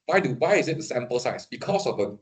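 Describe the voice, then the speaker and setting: A man's voice: medium pitch, very animated, fast talker. A middle-aged man gives a conversational university statistics lecture, often checking in with his students. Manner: conversational, keeps asking "right?" to check understanding.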